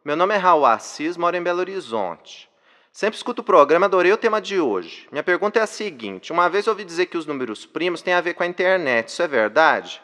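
A man's voice: high voice, very animated, fairly quick, pushed and bright, big-room sound, exaggerated voice. An actor playing a polite male listener who phones in to a radio show and asks plain questions, heard over the phone. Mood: curious. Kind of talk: scripted radio-play dialogue.

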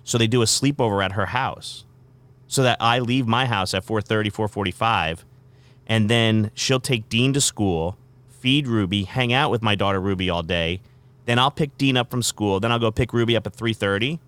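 A man's voice: lowish voice, normal speed, fairly bright tone. A man who hosts morning radio, chatting casually in an interview, rambling with lots of fillers and restarts.

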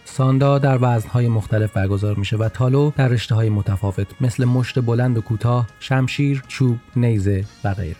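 A man's voice: medium pitch, few pauses, dark tone, faint music behind. A man narrating a personal story in a podcast with a wry, humorous touch.

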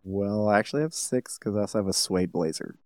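A man's voice: fairly low pitch, fast talker, darkish tone, dry recording, studio quality. A man co-hosting a podcast, chiming in with jokes and quips while recapping an episode. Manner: joking, chimes in with quips. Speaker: podcast co-host. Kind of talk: casual recap chat.

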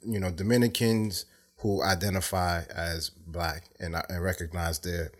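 A man hosts an interview podcast in a casual, conversational way. His voice is very low, and he asks probing questions, often rephrasing them mid-sentence. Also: little pitch movement, a little slow. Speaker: podcast host.

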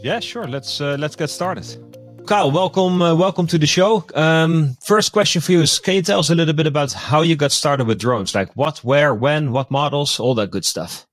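A man's voice: fairly high pitch, normal speed, no room sound, faint music behind. A man co-hosting a podcast, easygoing and talking with many fillers. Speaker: podcast co-host and drone news writer. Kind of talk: casual podcast chat.

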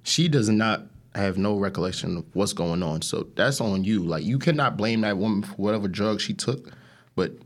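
Here the podcast host speaks at a normal speed with lively intonation and a fairly low pitch. The talk is a casual chat among friends, full of slang, profanity, and phrases he says more than once.

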